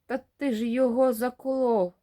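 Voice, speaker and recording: A woman voicing a young man who talks in a pleading, excitable way. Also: on the high side, moderate pace, pitched above the performer's own voice, close to an everyday voice. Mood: exasperated. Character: scared, bruised young man, the storyteller.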